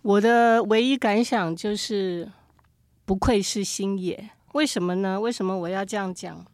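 A woman guest on a podcast, telling travel stories in a lively way and often agreeing with a quick string of "yes, yes, yes". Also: medium pitch, dry recording, studio quality. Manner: lively storytelling, frequent "dui dui dui". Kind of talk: casual interview chat.

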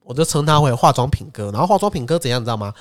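A man's voice: mid-range voice, racing. A man in his twenties with a Taiwanese Mandarin accent, chatting casually and telling stories animatedly. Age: 20s. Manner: animated storyteller, acts out other people's lines. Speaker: podcast co-host. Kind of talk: casual chat.

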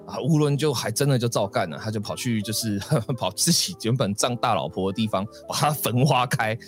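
Man, podcast host, casual storytelling, animated, faint music behind. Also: fairly low pitch, a little fast. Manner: lively storyteller, acts out voices, many fillers. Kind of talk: casual ghost-story telling.

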